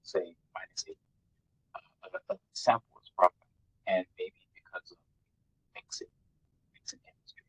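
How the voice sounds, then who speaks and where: A man asking a question over an online call whose audio keeps cutting out, speaking in a halting, hesitant way. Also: sits low, very animated, breathy edge, dry recording, in a whisper. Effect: choppy online call audio cutting out. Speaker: remote audience member asking a question. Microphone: video call. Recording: dull muffled remote call line.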